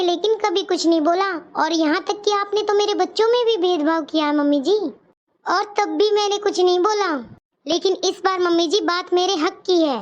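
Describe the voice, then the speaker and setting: An outspoken young daughter-in-law from a cartoon story, voiced by a woman. She presses her point with insistence and indignation, in a very high voice. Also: highs cut off.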